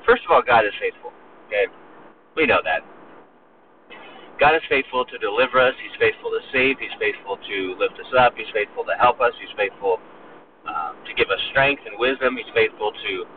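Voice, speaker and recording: Man preaching from afar, tinny. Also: fairly low pitch. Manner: earnest, emphatic, slows down on key words. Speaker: pastor. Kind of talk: sermon. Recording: distant phone-like recording with faint noise.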